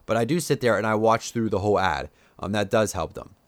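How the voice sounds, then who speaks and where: On a live stream, a man speaks briskly in a fairly low voice with a Pennsylvania Dutch accent, and there's no room sound. He's a YouTuber chatting loosely to his audience, scattering fillers as he rambles through his opinions.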